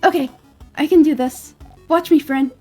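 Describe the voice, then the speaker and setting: A woman voicing a cheerful, energetic little kid adventurer from a game, talking in a chatty, earnest way. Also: sits high, fairly quick, faint music behind. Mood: eager.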